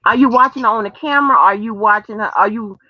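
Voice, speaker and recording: On a dull lo-fi recording with no room sound, an American woman with a rather high voice talks at a quick pace. As host, she chats casually and profanely with viewers and on the phone, drawing out exclamations and using folksy terms of address.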